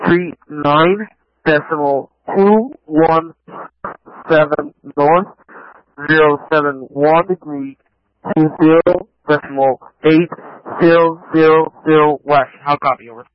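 A man's voice: on the high side, steady tone, takes it slowly, no echo. A man working as a Coast Guard radio operator, reading out coordinates over a two-way radio in clipped, methodical radio procedure. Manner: clipped, methodical, repeats figures. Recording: muffled dry radio transmission.

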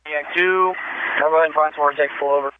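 A man's voice: on the high side, fairly even intonation, fast. A man working as a radio operator, speaking in clipped military radio procedure over a two-way radio with static bursts. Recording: tinny radio transmission with static.

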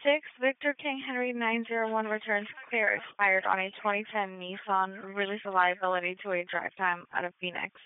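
A woman's voice: medium pitch, steady tone, a little fast, few pauses, smooth, dry recording. A woman working as a police dispatcher, reading out plate returns in clipped radio codes over a two-way radio. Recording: tinny radio transmission.

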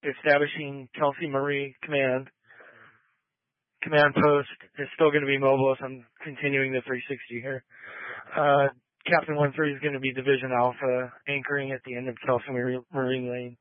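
Fire commander on two-way radio, flat and clipped, thin phone-like sound. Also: male voice, medium pitch, fairly quick, no echo. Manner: clipped, matter-of-fact radio calls. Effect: two-way radio transmission. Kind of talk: radio traffic. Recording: tinny, dry two-way radio.

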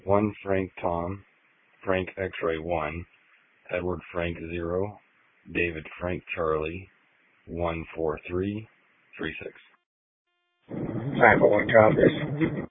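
A man's voice: deep voice, slow, long pauses, breathy edge, dry recording. A man, a police officer in the field, answering dispatch in terse radio talk over a police radio transmission and spelling plates phonetically. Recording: tinny radio scanner audio.

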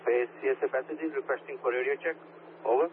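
A man's voice: medium pitch, steady tone, fast. A man calling base over a walkie-talkie radio, using clipped radio procedure talk. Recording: tinny radio transmission with heavy static.

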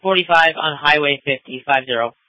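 A male dispatcher speaking over a radio transmission, relaying a call briskly and plainly. His voice sits a little high, and the sound is dry and dull, with the muffled lo-fi quality of a radio feed. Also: pushed and bright, no echo. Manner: brisk matter-of-fact relaying.

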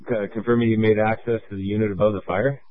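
Guy calling out orders over a scratchy two-way radio, lowish voice, thin dry sound. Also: flat delivery, no room sound. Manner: clipped, procedural, halting with fillers. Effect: two-way radio transmission. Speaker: fire incident commander. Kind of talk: fire radio dispatch traffic. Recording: tinny radio channel, dry.

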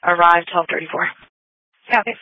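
An emergency dispatcher reading calls over a two-way dispatch radio, slow and procedural with codes and addresses. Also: medium pitch, no echo. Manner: flat, procedural, reads out codes and addresses slowly. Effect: two-way dispatch radio transmission. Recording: tinny, narrow radio channel.

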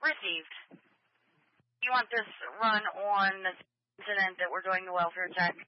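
A police dispatcher heard over a police radio, answering units with quick acknowledgements and time stamps. The transmission sounds dull and lo-fi, a little off-mic, and dry. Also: mid-range voice, no echo.

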